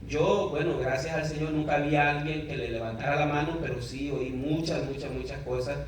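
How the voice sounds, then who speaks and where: A man's voice: fairly high pitch, steady tone, fairly quick, crowd noise. A man interviewing a pastor, reflecting earnestly in a preacherly way. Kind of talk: church interview, reflective comments. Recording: very echoey room, voice from far off, faint noise.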